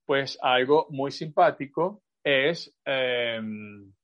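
A man's voice: medium pitch, fairly bright tone, highs cut off, a little hiss or hum. A man teaching a language class over a video call, explaining patiently with examples, asides and many fillers. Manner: drawn-out, repetitive phrasing with many fillers.

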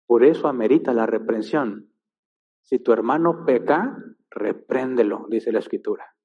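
A man's voice: mid-range voice, moderate pace. A man preaching a sermon, emphatic and full of rhetorical questions. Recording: long-reverb hall, dull lo-fi sound.

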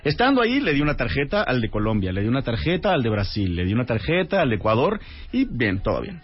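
Man, radio guest, fast lively storytelling, husky voice, dull lo-fi radio sound. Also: mid-range voice. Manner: animated storyteller acting out dialogue. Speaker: radio guest, author and translator.

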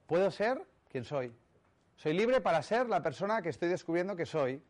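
A man's voice: sits high, big pitch swings, normal speed. A man from giving a motivational talk, emphatic and rhetorical, often checking in with the audience. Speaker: speaker on personal growth.

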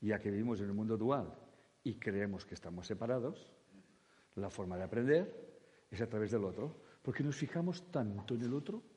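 A man's voice: fairly low pitch, normal speed, big-room sound. A man giving a humorous spiritual talk to an audience, acting out quoted voices with crude jokes. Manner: lively, acts out quoted voices, jokey and crude. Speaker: spiritual speaker.

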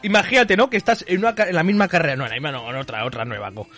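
A man doing a high, bright-voiced goofy guy with a tic. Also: racing. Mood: playful. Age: 40s. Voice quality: repeats a filler tic after every phrase. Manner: boisterous, gets carried away. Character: silly excitable man with a verbal tic. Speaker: radio show guest running a riddle segment. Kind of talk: comic radio bit with a put-on character voice.

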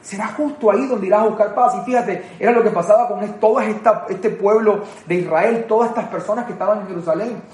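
A man with a fairly high voice preaching an online sermon to his congregation. He talks in a conversational way and often repeats words. He slows down and stresses his key phrases, and the recording has a noticeable room echo. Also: a little mellow. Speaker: pastor.

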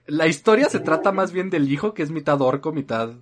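A man with a Mexican accent in a relaxed, casual chat. He rambles and leans on filler words. His sentences often fade out softly at the end. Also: on the high side, a little fast. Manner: rambling, frequent filler "este", trailing off softly.

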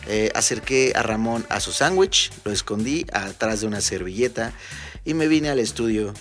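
Joking Mexican man telling stories. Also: medium pitch. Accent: Mexican Spanish. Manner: animated, joking, addresses listeners as friends. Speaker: podcast host. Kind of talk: casual comedic storytelling. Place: home studio.

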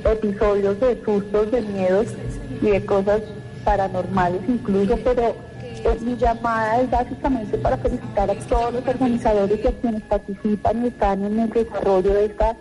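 Woman calling in by phone, mellow voice. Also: mid-range voice. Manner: long run-on sentences with many fillers. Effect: phone call heard on air. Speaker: caller to a radio show. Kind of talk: live call-in chat.

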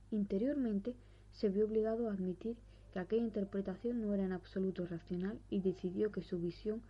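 A woman with a breathy voice reading a horror story in a measured, solemn way. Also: medium pitch. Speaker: narrator. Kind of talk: scripted narration of a horror story. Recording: dull recording with faint music.

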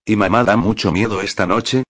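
A gentle, teasing father back from the war, his voice very deep and dry. A man reads him out in an audiobook. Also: fairly quick, no echo. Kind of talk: audiobook reading.

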